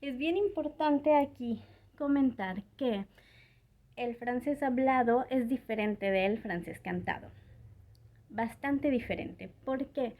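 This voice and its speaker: A woman teaching French pronunciation in a patient video lesson, often checking in with a quick question. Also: a little high, a little mellow.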